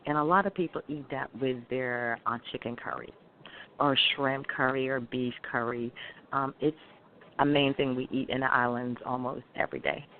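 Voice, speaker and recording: In a friendly, talkative interview, a middle-aged restaurant owner from Guyana explains dishes in detail, with plenty of fillers. The mid-range voice has fairly even intonation at normal speed, and a faint hiss runs under the tinny, phone-like audio.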